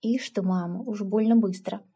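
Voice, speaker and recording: A woman's voice: medium pitch, normal speed, mellow, slightly rough. A woman voicing a blunt, stubborn older village aunt who scolds and mocks in folksy speech. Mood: mocking.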